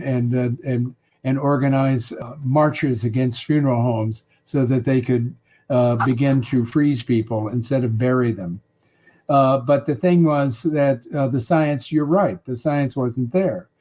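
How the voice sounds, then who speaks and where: Halting older man in his eighties. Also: mid-range voice, mellow. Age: 80s. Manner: halting, full of filler sounds and restarts. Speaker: interview guest. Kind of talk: conversational interview answers.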